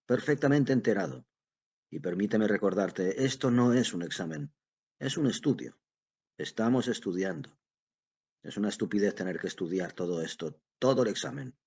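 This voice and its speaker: A man voicing a frail, irritable eighty-year-old man who stammers and halts over his words, in a husky voice. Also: fairly low pitch, expressive, darkish tone, exaggerated voice. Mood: testy. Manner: halting, stammering, querulous.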